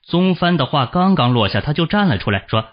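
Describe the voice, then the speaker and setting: A man narrating a fantasy novel as an audiobook, with expressive storytelling, in a dull lo-fi recording. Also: on the high side, a little fast.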